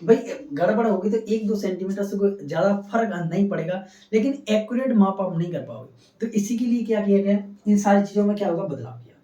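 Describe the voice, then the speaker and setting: A man's voice: high voice, lively intonation, fast, few pauses, dark tone. A man teacher quizzing and answering himself. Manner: poses questions and answers them himself, repeating key terms. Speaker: science teacher. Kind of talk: classroom lecture. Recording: echoey room, distant dull mic.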